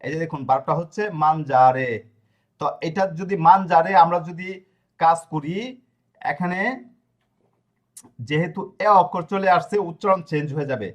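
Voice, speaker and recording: Fairly high-voiced man teaching grammar. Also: lo-fi sound. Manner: explanatory, checks understanding with frequent questions; spells out verb endings slowly. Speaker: language teacher. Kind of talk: classroom grammar lesson.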